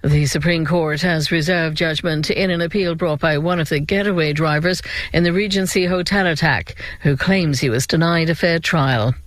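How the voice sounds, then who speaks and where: An Irish male newsreader with a fairly high voice reads a scripted bulletin. The recording is dry, with no room sound. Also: normal speed, hardly any pauses, a bit bright, no room sound.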